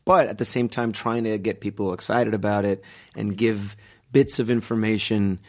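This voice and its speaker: A man in his thirties with a low voice and a gravelly edge, chatting as a guest. He talks in a relaxed, thoughtful way, with fillers and restarts. The sound is close and dry. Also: normal speed, no echo. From Guatemala, raised in Miami. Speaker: actor guest. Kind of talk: casual interview chat.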